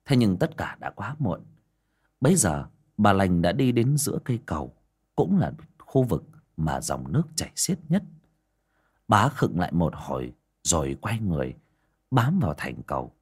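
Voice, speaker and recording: Husky man narrating a horror tale. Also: low-pitched, very animated, normal speed, a little mellow. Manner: dramatic, ominous storytelling. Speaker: storyteller.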